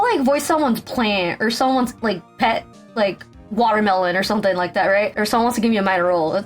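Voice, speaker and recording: A young woman casually commenting as she plays a story game, chatty and full of fillers. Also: medium pitch. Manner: chatty, filler-heavy, reads characters aloud. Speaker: let's play streamer.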